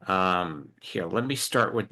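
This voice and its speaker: A man hosting a video call meeting, talking haltingly with fillers while his audio clips and distorts. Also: low voice, animated, sharp tone. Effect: clipping, distorted audio over a video call. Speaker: meeting host.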